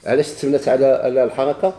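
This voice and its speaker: A man's voice: medium pitch, level tone, rapid-fire, warm tone. A man with a Moroccan Arabic accent teaching a grammar lesson to a class, putting questions to the students and answering them himself. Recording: echoey room.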